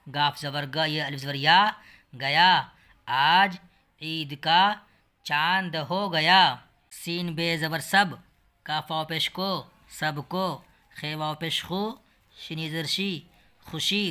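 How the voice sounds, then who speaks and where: Spelling every word by its letters and vowel signs before saying it in full, a male language teacher with an Urdu accent runs a reading lesson. His voice is a little high, sharp, clear and resonant.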